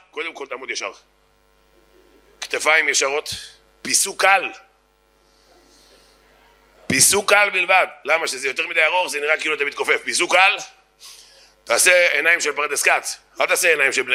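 A man delivering a comedic speech to an audience, animated and mocking, full of rhetorical questions. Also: a little high.

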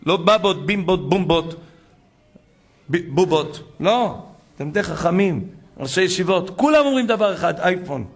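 A rabbi gives a Torah talk to a gathering in a high-pitched, lively voice. He preaches fervently, retells conversations, and builds to loud exclamations.

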